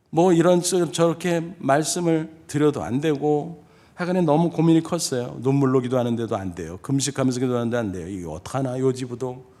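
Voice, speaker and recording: Man, fifties, pastor, conversational sermon, rhetorical questions, mid-pitched voice. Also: a little mellow. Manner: conversational preaching with rhetorical questions and acted inner dialogue. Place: church sanctuary.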